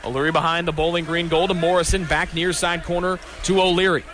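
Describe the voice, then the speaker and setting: This play-by-play announcer has a fairly high, slightly bright voice with little pitch movement, and he talks fast. He covers a live hockey game on radio from the arena, calling the action in clipped, descriptive bits.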